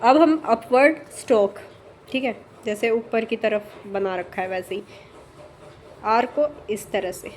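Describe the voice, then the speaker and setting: A woman teaching shorthand in a casual spoken lesson, explaining slowly with many fillers and checking in often, her voice dropping softer as she writes. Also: fairly high pitch, slight background noise.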